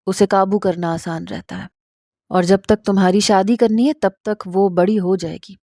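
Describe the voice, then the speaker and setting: A woman voicing a stern, commanding older father who speaks gruffly. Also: medium pitch, fairly even intonation, mellow, no echo, clean studio sound, natural voice.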